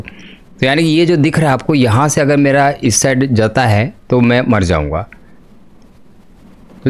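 Chatty man doing gameplay commentary. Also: mid-range voice. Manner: chatty, keeps addressing viewers as guys. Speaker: gaming YouTuber. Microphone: desk microphone.

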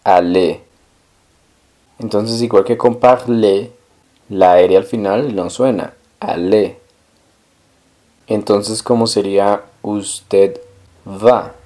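A man teaching a language lesson, explaining pronunciation step by step and repeating each example slowly. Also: on the low side, steady tone, warm tone. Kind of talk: slow, careful language lesson.

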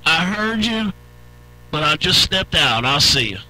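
Sharp, high-voiced man teasing on CB. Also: very animated, unhurried, poor audio. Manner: teasing, scolding banter. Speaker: CB radio operator. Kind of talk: CB radio chatter.

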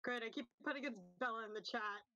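A woman's voice: a little high, fast talker, bright, forceful tone, muffled recording. A woman playing a game with friends, chatting casually and insisting she knows the answer. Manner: insistent, sure of her guess. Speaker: fellow player. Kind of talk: casual gaming chat.

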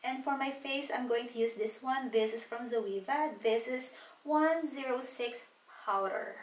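Woman, thirties, beauty vlogger; chatty and step-by-step, high voice, roomy echo. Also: measured pace, far from the mic. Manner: chatty, walks through each product step by step. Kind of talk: casual makeup tutorial. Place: small home room at a desk.

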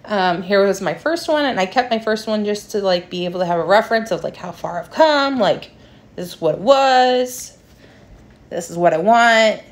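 Young adult woman, medium-pitched voice, chatty, informal, explanatory, casual craft tutorial livestream. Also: lively intonation, moderate pace. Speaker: livestream host, craft seller. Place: small room indoors at home. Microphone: phone propped at arm's length.

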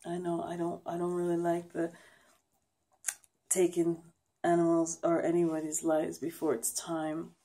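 A sad, emotionally weary woman talking haltingly and quietly in a casual personal vlog. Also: fairly low pitch, monotone. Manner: subdued, hesitant, halting. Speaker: vlogger. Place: wood-panelled basement room at home, indoors. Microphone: handheld camera at arm's length.

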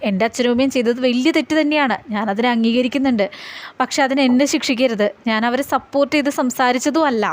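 A woman's voice: a little high, quick pace, natural voice. A woman reading a pleading young wife. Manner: pleading, apologetic.

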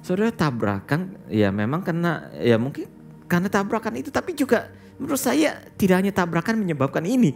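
Male pastor, sermon, storytelling, lively swooping pitch, faint music behind. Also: fairly quick, vocal fry. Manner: storytelling, often addresses listeners as "saudara"; mixes English words into speech.

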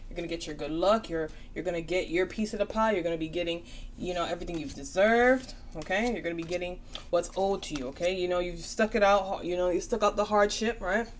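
Sleepy woman reading tarot; lowish voice, loose chatty delivery, faint background noise. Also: fast. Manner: chatty, repeats "okay?" often. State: tired, yawning. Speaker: tarot reader.

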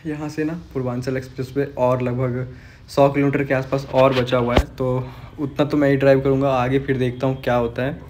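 Flat-voiced young man vlogging a road trip. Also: medium pitch, brisk, noisy background. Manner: chatty, talks straight to viewers. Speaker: travel vlogger. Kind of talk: casual road-trip vlog narration. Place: inside a car on a highway.

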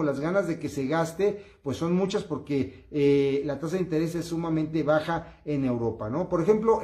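Guy talking money stuff, upbeat, lots of umms, kinda high voice, echoey room. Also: mellow. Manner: upbeat, coaxing, many hesitations. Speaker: finance commentator. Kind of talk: informal money commentary to camera.

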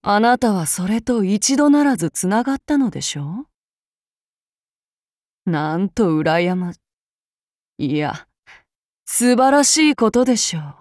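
The performance is expressive, slow and full of pauses: a voice actress portraying a polite, bloodthirsty samurai woman with demon blood, speaking softly in formal, archaic language with a menacing undertone before bursting into shrill battle cries. The tone is courteous yet menacing, recorded at studio quality with no room sound, as game character lines.

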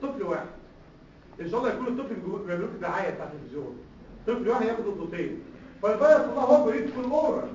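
A man with an Egyptian Arabic accent gives a medical lecture, animated and full of rhetorical questions and joking asides. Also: high voice, a little hiss or hum. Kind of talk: recorded classroom lecture. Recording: distant, echoey, dull lecture-hall recording with faint ambience.

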